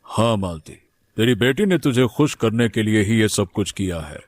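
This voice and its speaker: A man voicing a kindly, wise neighbour uncle in an animated story, gentle and consoling. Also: lowish voice, normal speed, dry recording, soft background music. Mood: earnest. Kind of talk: Hindi cartoon voice acting.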